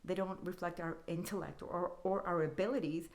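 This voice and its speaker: With a fairly low pitch, fairly even intonation and a fairly quick pace, this woman speaks as a podcast guest. She discusses faith and identity thoughtfully and earnestly, laying out her ideas as lists.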